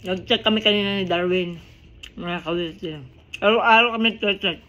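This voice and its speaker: A woman's voice: mid-range voice, moderate pace, a bit bright, lo-fi sound. A woman with a Filipino accent chats casually to her mukbang viewers, chewing while talking. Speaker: vlogger hosting a mukbang. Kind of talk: casual mealtime vlog chat. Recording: clear background noise.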